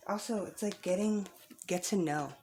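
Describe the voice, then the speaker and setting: The tarot reader's voice is mid-pitched and somewhat dark, moving at a moderate pace with a little hum or hiss underneath. She speaks directly to the viewer in a relaxed spiritual card reading, reassuring them and repeating lines to drive points home.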